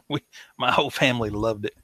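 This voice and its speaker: A man's voice: medium pitch, brisk, pushed and bright, no echo. A man with a Southern US accent, talking in a laid-back way as a podcast co-host in a casual chat.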